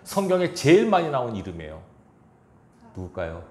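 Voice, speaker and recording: A man's voice: medium pitch, wildly swooping pitch, brisk, a little mellow, roomy sound. A man pastor preaching a sermon in a church, chuckling now and then and acting out quoted lines. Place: church sanctuary.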